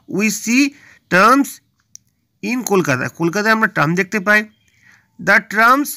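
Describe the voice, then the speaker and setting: A man's voice: high-pitched, bright, forceful tone. A male teacher with a Bengali accent, patiently explaining a children's English workbook and asking and answering his own questions.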